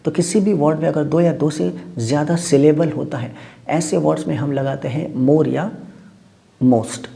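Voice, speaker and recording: Gravelly-voiced man teaching grammar. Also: fairly high pitch, steady tone, moderate pace, mellow. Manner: says "okay" constantly, spells words letter by letter. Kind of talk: explaining lesson in Hindi with English terms.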